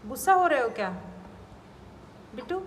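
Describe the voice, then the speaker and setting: A woman's voice: high-pitched, expressive, normal speed. A woman talking to her pet parrot, coaxing it with repeated sing-song questions at home. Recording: echoey room with clear household noise.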